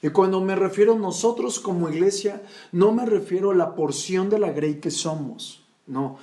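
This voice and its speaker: A man's voice: high voice, warm tone. A man preaching a sermon, emphatic and addressing the congregation as his brothers. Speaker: pastor.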